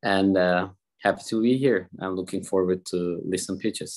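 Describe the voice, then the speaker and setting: A man's voice: deep voice, fairly even intonation, normal speed, a little mellow. A man introducing himself as an investor on a jury at an event.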